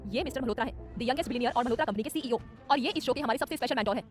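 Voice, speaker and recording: A woman's voice: sits high, racing, soft background music, lightly acted. A woman voicing Mrs. Neelima, a stern, authoritative female CEO with a commanding, scolding manner.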